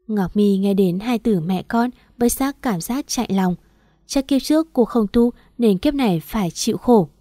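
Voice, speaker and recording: A woman reading a dramatic family story aloud in a steady, measured narration. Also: mid-range voice, dry recording, clean studio sound.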